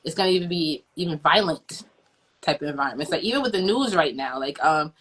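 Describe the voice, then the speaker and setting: A woman's voice: low-pitched, animated, brisk, fairly bright tone, breathy edge. A woman astrologer who is a guest on a video-call livestream and explains things in a matter-of-fact way. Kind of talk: casual conversation.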